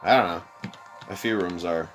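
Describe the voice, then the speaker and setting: Deep-voiced young man reading a game aloud. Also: moderate pace, soft background music. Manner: animated, expressive reading. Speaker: let's play host. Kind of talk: reading a visual novel aloud with commentary.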